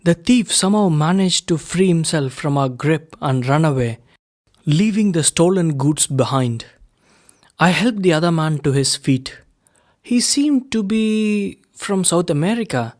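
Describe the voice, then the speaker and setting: A man reading a first-person story aloud in a measured, unhurried way. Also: fairly high pitch, expressive. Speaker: reader of a story.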